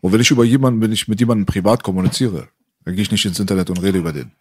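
A man hosting a podcast chat, calm and explaining his point. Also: lowish voice, racing, slightly rough.

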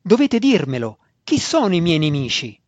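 A man's voice: a little high, lively intonation, normal speed, darkish tone, dry recording. A man playing a desperate scheming wizard. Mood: urgent. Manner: urgent, pleading. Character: desperate, scheming male dark-elf wizard. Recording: dull, dry sound.

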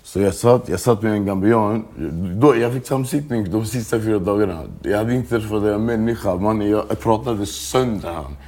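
A man's voice: lowish voice, warm tone. A man, telling his story as a guest in a casual interview, swearing often and restarting his sentences. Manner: street slang, swears often, halting restarts.

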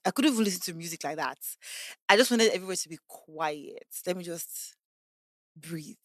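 As a guest on a podcast, this woman in her 20s talks casually and animatedly, imitating the people she quotes. She speaks at normal speed in a lowish voice, recorded at studio quality with no room sound.

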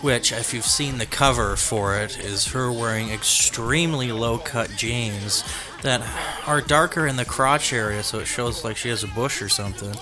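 A man co-hosting a music debate podcast, casual and animated, laughing often. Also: medium pitch, moderate pace. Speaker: podcast co-host.

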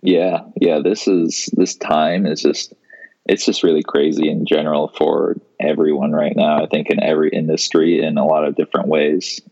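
A man in his twenties from Seattle, Washington, is a podcast guest in a casual interview chat, speaking laid-back with lots of fillers and restarts. His voice is extremely low, gravelly, and a little mellow, delivered flatly at a moderate pace on dull audio.

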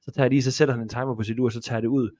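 A man's voice: medium pitch, steady tone, dark tone, no echo, clean studio sound. A man co-hosting a fitness podcast, telling rambling anecdotes and swearing casually. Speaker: podcast co-host. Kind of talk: casual chat.

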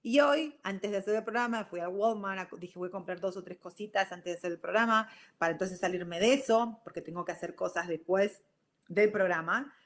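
A woman's voice: medium pitch, brisk. A middle-aged woman with a Rioplatense Spanish accent, hosting a show and telling a personal story in a casual monologue, mixing in English words. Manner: animated, slips into English words. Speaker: show host.

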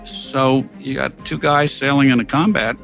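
Male historian guest, mid-pitched, casual and enthusiastic, faint music under him. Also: fairly even intonation, moderate pace, gravelly, fairly bright tone, poor audio. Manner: enthusiastic, casual storyteller with fillers. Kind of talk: interview explanation.

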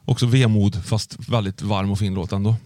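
A man's voice: lowish voice, fairly even intonation, dark tone, no echo, clean studio sound. A man hosting a radio show in casual chat, easygoing and agreeable. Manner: easygoing, agreeable, reads rhymes aloud. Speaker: radio host.

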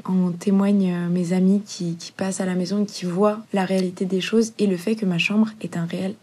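A woman's voice: medium pitch, warm tone, husky. A young woman hosting her solo podcast, chatting in a rambling, self-mocking way with casual swearing and English slang, recorded in bed on a phone dictaphone propped on a laundry basket. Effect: recorded on a phone's dictaphone app. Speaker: podcast host. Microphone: phone lying on a laundry basket.

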